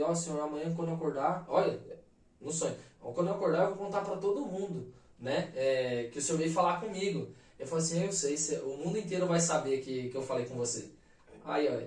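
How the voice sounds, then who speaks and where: A Brazilian man in his thirties, a podcast guest, telling a personal story in an animated, emphatic way full of slang fillers. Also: fairly high pitch. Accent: Brazilian Portuguese. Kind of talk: casual storytelling. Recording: roomy echo, mic at a distance.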